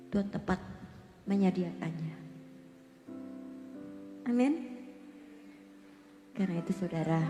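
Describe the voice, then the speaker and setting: A woman's voice: mid-range voice, darkish tone. A middle-aged woman giving an emotional testimony to a church congregation, often turning to them directly. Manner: emotional, addresses congregation as saudara. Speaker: testimony speaker. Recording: echoey church hall with faint music.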